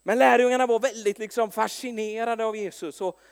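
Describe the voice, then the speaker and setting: Man, preacher, sermon, high voice, stumbling lively storytelling, long hall reverb. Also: gravelly, clean tone. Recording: long echo in a large hall.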